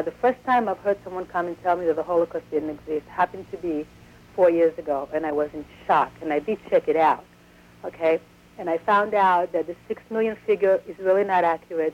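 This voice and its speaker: A woman's voice: lowish voice, a little fast. A woman calling in to a talk radio show over the telephone, upset and insistent, pressing her point in long runs. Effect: heard over a telephone line. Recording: dull lo-fi phone line.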